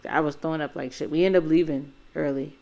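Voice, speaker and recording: A woman's voice: low-pitched, steady tone, fast talker, vocal fry, dark tone, lo-fi sound. A young woman co-hosting a casual chat, telling a dating story bluntly and with profanity, laughing often.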